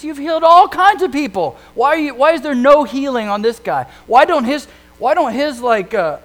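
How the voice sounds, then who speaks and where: High-voiced guy preaching, chatty, lots of rhetorical questions, hum in the background. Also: low-quality recording. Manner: conversational, animated, rhetorical questions. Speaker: pastor. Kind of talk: sermon.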